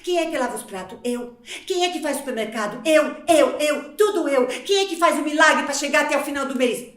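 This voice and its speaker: An actress playing an overworked, exasperated housewife on a theater stage, swinging from hushed pleading to shrill outbursts. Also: female voice, sing-song, normal speed, roomy sound. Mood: indignant. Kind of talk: live stage theater acting.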